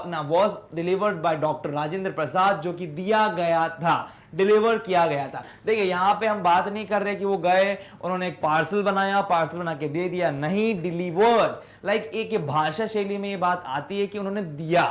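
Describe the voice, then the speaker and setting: A man teaching an English lesson with an Indian accent, explaining patiently, asking and answering his own questions, and reading the English text slowly. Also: sits high.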